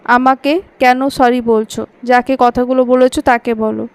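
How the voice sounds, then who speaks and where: A woman voicing a father on a phone call who corrects his son firmly and then coaxes him gently. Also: on the high side, fairly even intonation, measured pace, clear, resonant tone, no echo. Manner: firm, then coaxing.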